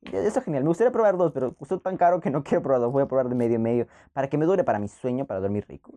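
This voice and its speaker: Young male podcast host, casual laughing monologue, animated and warm. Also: mid-range voice, racing. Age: young adult. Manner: rambling, laughs often, many restarts.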